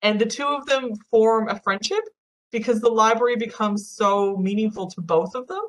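A woman's voice: on the high side, moderate pace, low-quality recording. A woman with a Newfoundland accent hosting a casual book chat in an upbeat, chatty way. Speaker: library podcast host.

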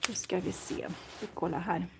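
A woman's voice: on the low side, fairly even intonation, gravelly, background noise. A woman chatting casually to viewers as she browses and borrows books in a library, thinking aloud and reading titles out. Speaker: Swedish teacher and vlogger.

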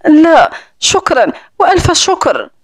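A woman reading the part of a gentle young female guide, soft-spoken and anxious. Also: very high-pitched, wildly swooping pitch, a little slow, no echo, clean studio sound, pitched above the performer's own voice, heavily acted. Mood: flustered.

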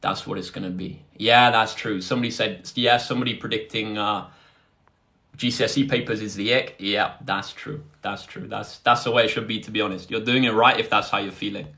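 A British man in his twenties hosts a tutoring livestream indoors, close to a phone on a tripod, chatting informally and answering viewers' questions directly. His voice is fairly low and steady, brisk, with a sharp tone.

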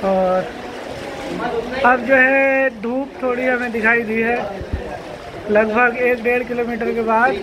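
A woman's voice: on the high side, steady tone. A woman narrating a walking travel vlog from a rocky gorge, chatting to viewers and calling them guys. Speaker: vlogger. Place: outdoors in a rocky gorge with flowing water. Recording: loud rushing water noise behind.

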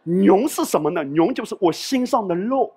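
A man preaching a sermon with a husky, slightly breathy voice. His pitch swings widely as he talks in a conversational, storytelling way, and he slips into acted-out voices and asides. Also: lively intonation, normal speed, warm tone. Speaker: pastor.

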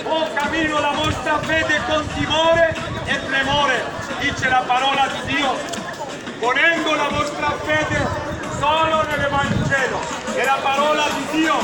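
A man preaching on the street, imploring passersby to convert. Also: very high-pitched. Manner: shouting, imploring. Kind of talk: open-air street preaching. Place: busy outdoor street market. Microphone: camera phone from a distance. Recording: roomy, distant, crowd noise.

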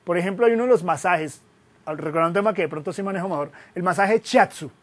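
Man, high voice, lively lecture style, rhetorical questions, jokes at himself. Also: fast talker. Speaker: guest web consultant. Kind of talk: classroom lecture.

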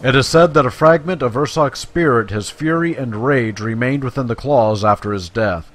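Speaking at a moderate pace in a medium-pitched voice, this gamer commentates playfully and casually, chatty and slangy, sometimes reading out the quest text.

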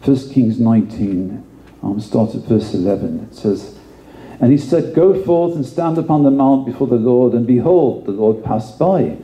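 Man preaching in a dark, roomy sound. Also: medium pitch, animated, normal speed. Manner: conversational preaching with asides and repeated words. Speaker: pastor. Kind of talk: sermon.

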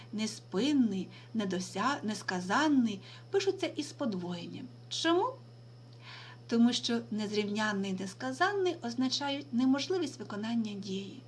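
A woman teacher giving a recorded remote lesson, reading out words slowly and deliberately and stressing them. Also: on the high side, a little hiss or hum. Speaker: language teacher.

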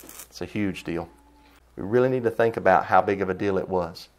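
Male preacher with a slightly low voice, delivering an emphatic sermon with sharp swells for emphasis. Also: moderate pace. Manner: emphatic preaching with sudden rises in pitch and loudness.

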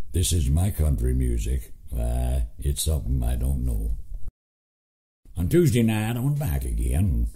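A man with a reciting poetry in a folksy, halting storyteller's way. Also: a bass voice, mellow, breathy edge. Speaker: cowboy poetry narrator.

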